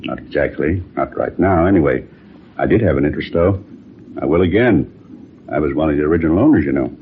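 An actor playing a washed-up older movie producer in a vintage crime drama, boastful and evasive in a forced casual manner. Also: male voice, extremely low pitch, expressive, fast talker. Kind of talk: 1950s crime drama acting. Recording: muffled vintage radio recording with noise.

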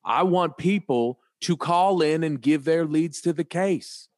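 A man's voice: on the high side, unhurried, darkish tone, no echo, studio quality. A man rambling and flustered in improvised comedy banter, stumbling over his words. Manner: rambling, flustered, slips into a put-on radio announcer voice. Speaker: comedy podcast cast member.

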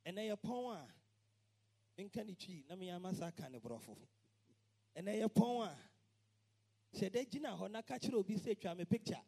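A man preaching a sermon, shouting and chanting repeated phrases. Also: sits high, animated, moderate pace, gravelly, pauses often.

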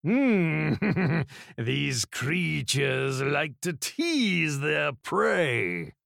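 A woman's voice: low voice, very animated, very slow, gravelly, a bit bright, no echo, clean studio sound, pitched below the performer's own voice, exaggerated voice. Woman doing a pompous grand vampire hunter. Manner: pompous, archaic formal speech.

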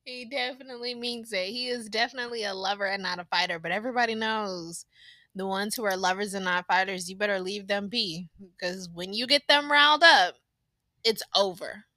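Woman podcast host, bright tone, dry close mic, chatty and laughs a lot. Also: mid-range voice, brisk, no room sound. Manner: laughs often, chatty and animated. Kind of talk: casual family chat.

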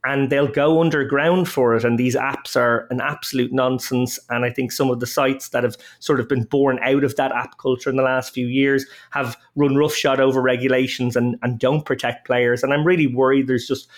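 A poker player and commentator appears as a podcast guest, speaking casually and with opinions while qualifying his points as he goes. His mid-range voice holds a steady tone at a moderate pace with few pauses.

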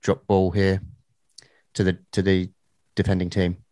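A man's voice: low voice, monotone, unhurried, warm tone, no echo. A man co-hosting a podcast, telling stories in a blunt, laid-back way. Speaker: podcast co-host. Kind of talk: casual podcast chat.

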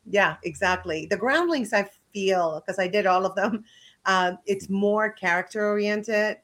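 A woman hosting a casual interview, upbeat and quick to agree. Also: medium pitch, fairly bright tone. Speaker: interview host.

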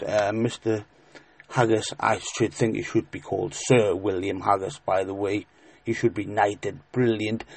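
A man's voice: on the low side, vocal fry, a little mellow, dry recording. Man giving horse racing tips, dry close sound. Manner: emphatic, repeats words for stress. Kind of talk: informal betting tips commentary.

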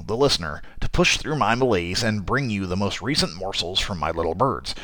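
Man as a raspy, theatrical radio drama host who is fighting off a cold. Low, animated delivery. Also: no room sound. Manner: showy, dramatic announcer delivery. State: recovering from a cold. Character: cheerful male wasteland radio host, theatrical. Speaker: radio broadcaster.

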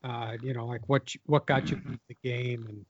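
A man's voice: mid-range voice, flat delivery, brisk, no echo. Male interviewer, dry muffled sound. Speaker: podcast host, interviewer. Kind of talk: casual interview. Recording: dry, dull lo-fi audio.

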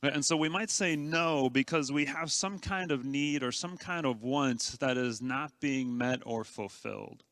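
Earnest preaching man, bright and dry. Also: mid-range voice, a little slow, hardly any pauses, no room sound. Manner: earnest, conversational preaching with frequent stammered restarts. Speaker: pastor. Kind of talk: sermon.

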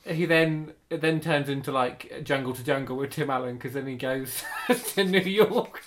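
A man's voice: mid-range voice, moderate pace, background noise. A man hosting a casual group game, joking and laughing as he tells stories and keeps time. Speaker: game host and timekeeper.

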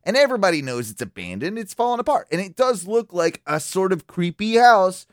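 A man's voice: high-pitched, very animated, fairly quick, no room sound, clean studio sound. A man hosting a radio show, telling a profane, rambling story in casual chat.

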